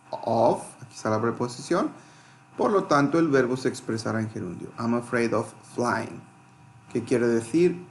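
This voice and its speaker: A man's voice: medium pitch, darkish tone, a little hiss or hum. Man teaching a grammar lesson. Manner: explains step by step, spelling out letters and translating examples. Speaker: English teacher. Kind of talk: grammar lesson explaining rules.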